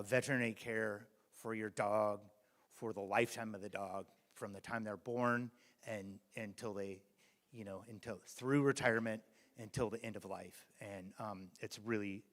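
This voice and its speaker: A man giving a halting graduation speech of thanks, full of fillers and restarts. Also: lowish voice. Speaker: guide dog graduate. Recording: long hall reverb.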